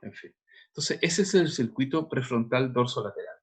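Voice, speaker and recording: Middle-aged guy lecturing a class, husky voice, chatty, lots of um and examples. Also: mid-range voice, moderate pace. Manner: conversational, explains with worked examples and hesitations. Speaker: university lecturer. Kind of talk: recorded lecture on neuropsychology.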